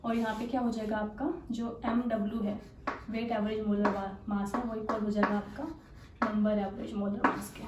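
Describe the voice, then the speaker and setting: In a medium-pitched voice at normal speed, with little pitch movement, a woman delivers an exam-prep chemistry lecture. She explains step by step, poses rhetorical questions, and mixes in English technical terms, heard off-mic in an echoey room with faint hiss.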